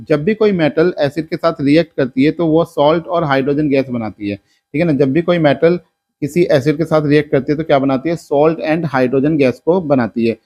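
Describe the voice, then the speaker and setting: In a classroom lecture, an Indian man teaching science speaks with a somewhat high, darkish voice. He works through the material step by step, asking his own questions and answering them, with English terms mixed in.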